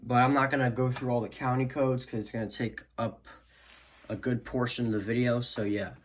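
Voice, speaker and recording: The speaker, a man who makes videos as a hobby, has a mid-range voice with little pitch movement and talks a little fast. His product demo is casual and unscripted, rambling and hesitant, regularly trailing into "so yeah." The home recording is amateur and clearly noisy.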